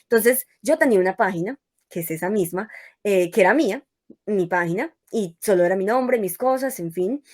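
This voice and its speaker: A woman's voice: mid-range voice, expressive, normal speed, darkish tone. A young woman, a guest on an interview show, tells her faith testimony in a casual, conversational way and acts out her own past words as she goes.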